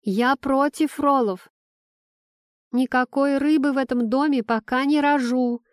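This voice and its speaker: A woman voicing a sassy, bossy young pregnant woman, speaking higher than her narration. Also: moderate pace, darkish tone, dry recording, studio quality, lightly acted.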